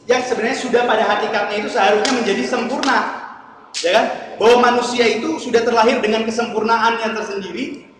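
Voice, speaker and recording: A man's voice: very high-pitched, steady tone, fast talker. A man giving a religious lecture to an audience, teaching in a didactic way and often checking that listeners follow. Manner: didactic, keeps checking with the audience by asking "ya kan?". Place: large lecture hall at a congress. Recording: very echoey hall from far off, faint noise.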